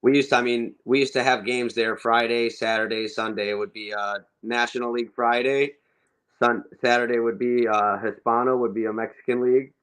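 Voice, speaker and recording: A man's voice: medium pitch, flat delivery, fairly quick, a bit bright, clean tone, poor audio. A young man, a professional soccer forward, casually recounting his career in a laid-back way during an interview.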